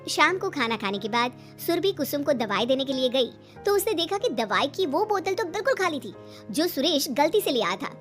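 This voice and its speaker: A woman's voice: high voice, very animated, moderate pace, over music. A woman narrating a cartoon story in a plain storybook manner.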